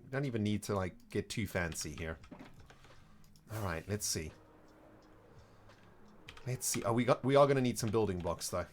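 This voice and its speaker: A man's voice: on the low side, animated, moderate pace, long pauses, a little hiss or hum. A young man giving live gameplay commentary, mock-exasperated and scolding the characters in his game. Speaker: streamer.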